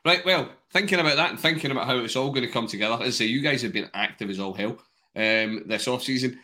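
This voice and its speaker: A man's voice: mid-range voice, fast, pushed and bright. A man with a Scottish accent hosting a casual chat, teasing and playful in his questions. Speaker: podcast host.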